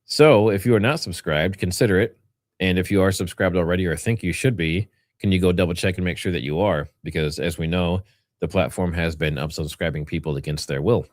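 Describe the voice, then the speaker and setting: In a dry, studio-quality recording, a low-pitched man hosts a livestream, talking a little fast. His commentary is informal and rambling, and part of it is read from notes.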